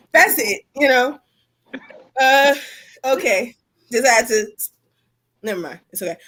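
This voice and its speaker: Woman host, from los angeles, slightly high voice, slow unhurried delivery, laughs often. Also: sing-song, a bit bright, low-quality recording. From Los Angeles, California. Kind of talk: casual panel chat.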